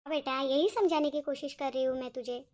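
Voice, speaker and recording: A woman voicing a soothing middle-aged mother in a cartoon, speaking softly and consolingly. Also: sits high, steady tone, a little fast, natural voice. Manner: soft, consoling. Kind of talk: cartoon voice acting.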